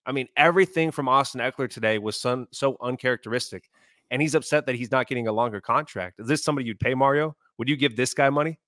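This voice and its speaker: Podcast guy rattling off game talk quick, exasperated, dry close mic. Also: medium pitch, dry recording. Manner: fast, animated storytelling with exasperated asides. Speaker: podcast co-host. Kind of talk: sports podcast commentary.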